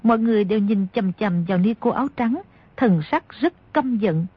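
Husky-voiced woman narrating a story. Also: mid-range voice, fairly quick, no room sound. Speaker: audiobook narrator. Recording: dry, dull lo-fi audio.

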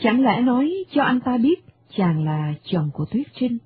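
A woman's voice: fairly high pitch, normal speed, a little hiss or hum. Woman narrating a radio drama. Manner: expressive storytelling. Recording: tinny medium-wave radio broadcast.

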